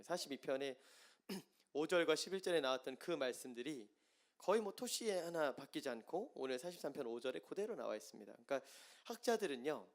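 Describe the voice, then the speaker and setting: Impassioned Korean male preacher, lively pitch. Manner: swings from soft explaining to loud impassioned pleading. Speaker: pastor. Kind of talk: sermon.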